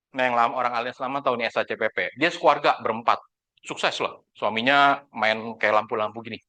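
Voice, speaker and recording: A man, an insurance agent telling his team a story in a casual, animated way and acting out the dialogue. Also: on the high side. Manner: animated, acts out dialogue in quoted voices.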